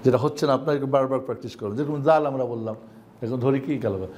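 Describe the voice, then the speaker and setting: A man with a Bangladeshi accent teaching Quran reading in an online class, drilling Arabic sounds in slow call-and-repeat. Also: medium pitch, darkish tone, slight background noise.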